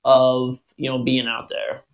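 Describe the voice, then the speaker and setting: A man's voice: medium pitch, little pitch movement, unhurried, creaky, narrow, tinny audio. A man in his twenties from Ohio hosting a podcast, asking casual questions in a rambling way with lots of fillers. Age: 20s. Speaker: podcast host. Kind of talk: casual interview chat.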